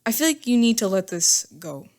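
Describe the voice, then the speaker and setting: A woman's voice: on the high side, big pitch swings, brisk, darkish tone. A woman giving a casual spoken tarot reading into a microphone, reassuring and chatty, often checking in with "okay?" and "all right?". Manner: chatty and informal, with fillers and asides. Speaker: tarot reader.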